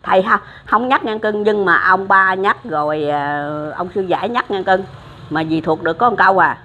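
In a muffled, lo-fi recording, an older woman shares religious experiences as informal spoken stories. She performs the characters' lines and speaks fondly to whoever is listening. Her medium-pitched voice moves at normal speed with a bright, forceful tone.

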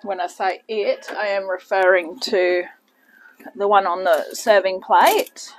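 A woman's voice: mid-range voice, slow pace, slight background noise, low-quality recording. A woman hosting a casual home cooking demonstration in her kitchen, chatty and self-deprecating with rambling asides. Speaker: home cooking channel host.

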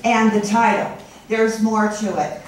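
A woman's voice: medium pitch, steady tone, measured pace. Angry woman in an echoey chamber. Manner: confrontational, accusing. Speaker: citizen speaking at public comment. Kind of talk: public comment at a council meeting. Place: wood-paneled council chamber. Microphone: room mic at a speaker's podium, from a far camera. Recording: very echoey chamber heard from a distance.

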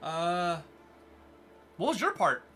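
A man's voice: high-pitched, big pitch swings, slow, pushed and bright, slight background noise. A man casually commenting on a video game as he plays, thinking aloud and easily amused. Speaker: gaming channel host. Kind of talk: casual let's play commentary.

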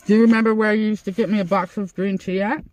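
A woman's voice: mid-range voice, steady tone, fast talker, a little mellow, poor audio. A woman in her sixties chatting casually over a meal, chewing as she talks. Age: 60s. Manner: chewing while talking. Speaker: vlog host. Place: inside a parked car at night.

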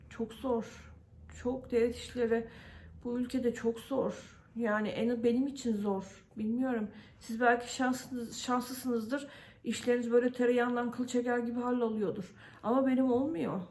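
In a casual vlog, a woman from Turkey with a slightly high but darkish-toned voice recounts her story to the camera. She vents, stopping frequently on fillers and quoting others by acting out their words.

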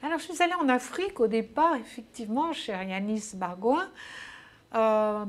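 A woman's voice: fairly high pitch, expressive, normal speed. A woman answering interview questions in a casual, hesitant way, with many fillers and restarts. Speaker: interview guest.

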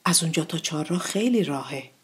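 Lady reading a busy mom, firm and protective, kinda husky. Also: low voice, expressive, full character voice. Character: busy caring mother baking bread, middle-aged.

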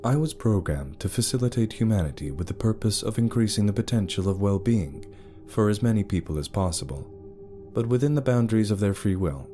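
A man voicing a calm male artificial intelligence that oversees a world, speaking in a measured, explanatory way. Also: fairly low pitch, soft background music, close to an everyday voice.

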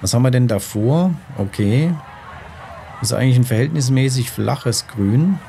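A man's voice: medium pitch, lively intonation, normal speed, gravelly, warm tone. A man giving casual let's-play commentary, thinking aloud and deliberating to himself as he plays. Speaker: gaming host. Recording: faint background game noise. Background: golf game ambience.

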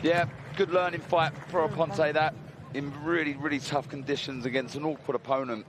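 A man's voice: fairly high pitch, fairly even intonation, normal speed, background noise. A man giving conversational expert boxing analysis, repeating phrases for emphasis. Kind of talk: live expert sports commentary.

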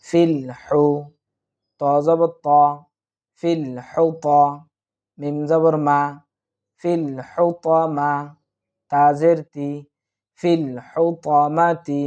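A man teaching Quran reading, going letter by letter through each verse and then chanting it whole. His voice is dark and mellow, set a little high for a man, and he speaks very slowly and patiently, as if to beginners. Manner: spells letters and vowel marks one by one, then chants the joined verse; patient, addresses students directly. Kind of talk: slow spelled-out Quran reading lesson.

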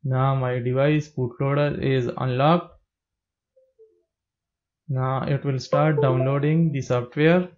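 A man narrating a step-by-step tech tutorial as a plain, steady voice-over. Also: mid-range voice, takes it slowly, pauses often, dull audio.

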